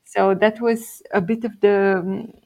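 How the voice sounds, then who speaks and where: Guesting in a relaxed interview, this young woman from Bulgaria speaks with a Bulgarian accent in a mid-range, level, slightly mellow voice. She takes her time telling things and laughs a lot.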